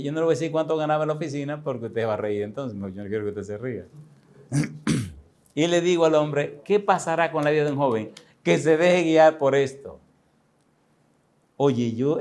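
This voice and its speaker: A man in his sixties preaches by telling a story from his youth. His voice sits a little high for a man. He talks in an animated, chatty way and often chuckles along with his own tale. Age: 60s. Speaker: pastor. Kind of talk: storytelling sermon.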